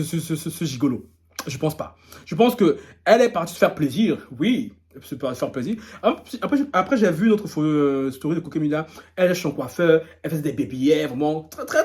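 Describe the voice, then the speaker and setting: A man's voice: sits high, a little mellow. A man hosting a celebrity gossip vlog in casual, playful commentary, teasing and laughing often as he reads social media posts aloud and mocks them.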